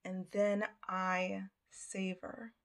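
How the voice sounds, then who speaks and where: Woman doing a podcast monologue, really slow and deliberate, reflective, lots of pauses. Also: medium pitch, completely flat delivery. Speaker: podcast host.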